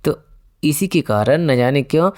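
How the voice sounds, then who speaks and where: A man's voice: a little high, animated, measured pace, darkish tone. A man playing a stern weary farmer. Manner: firm, stern.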